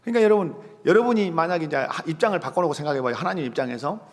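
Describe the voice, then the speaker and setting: A man's voice: on the high side, lively intonation, rapid-fire. A male pastor with a Jeolla Korean accent preaching a sermon in a church, firing rhetorical questions and prompting the congregation to answer. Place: church sanctuary. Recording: long church hall reverb.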